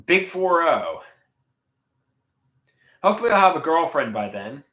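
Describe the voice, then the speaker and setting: Speaking with a stuffed nose in an echoey room, a livestream host in his late thirties chats casually and reads comments from viewers. His voice is fairly high, sing-song, bright, and forceful, at a measured pace. He halts frequently, repeating words and beginning sentences again.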